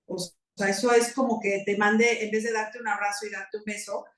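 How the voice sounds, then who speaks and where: A woman's voice: medium pitch, flat delivery, normal speed, recorded from a distance. Chatty Mexican woman in a roomy space. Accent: Mexican Spanish. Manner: chatty, many fillers and asides, rhetorical "¿no?". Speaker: guest biomagnetist. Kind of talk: casual talk-show explanation.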